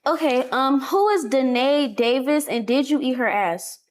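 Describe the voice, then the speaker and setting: A woman's voice: high voice, expressive. Laid-back young woman podcast host. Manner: laid-back, teasing, fillers and quick questions. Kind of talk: casual interview talk.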